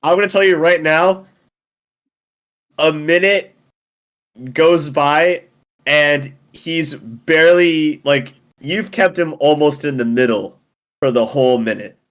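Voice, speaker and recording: A man's voice: on the high side, slow pace, pauses often, fairly bright tone. A man narrating as game master of a tabletop game, casual and peppered with fillers.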